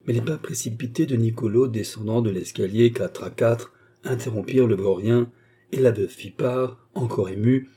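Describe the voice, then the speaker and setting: A man reading a classic novel aloud as audiobook narrator, steady and measured. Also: mid-range voice, breathy edge.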